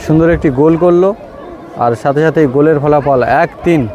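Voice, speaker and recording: A man's voice: on the high side, steady tone, a little fast, dull audio. A man giving live running commentary on a local football match outdoors, in short play-by-play phrases with stock praise. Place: outdoors at a school playing field during a match. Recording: noisy outdoor ground, crowd and vehicle sounds. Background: spectators, loud outdoor ambience.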